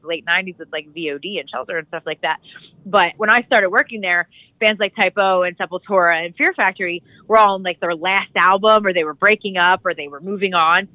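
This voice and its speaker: This podcast guest, a music publicist from the Philadelphia area, has a cold that leaves her fairly low voice nasal and congested. She wanders through her career story in a chatty way, full of fillers and false starts, on a dry, tinny line that sounds like a phone.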